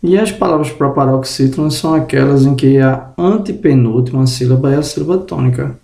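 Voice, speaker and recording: A man giving a spoken grammar lesson, slowly drawing out example words and checking in with the viewer, slightly groggy and tripping over words. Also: medium pitch, vocal fry, warm tone, echoey room. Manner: tag questions to the viewer. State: just woke up, tongue tripping. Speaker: teacher.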